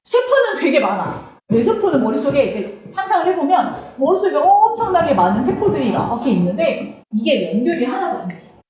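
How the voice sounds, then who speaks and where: A woman teacher explains an exam passage in a high voice, asking her students one rhetorical question after another. Her voice swings widely up and down. The recording rings with heavy echo. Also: a little mellow. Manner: switches between Korean explanation and read-out English. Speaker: English teacher. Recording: very echoey room.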